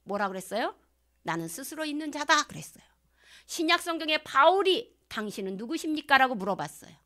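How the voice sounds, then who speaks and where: A woman pastor giving a sermon, asking the congregation questions and dropping from loud lines to hushed whispers. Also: sits high, big pitch swings, brisk. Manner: acts out prayers and quotes in changed voices.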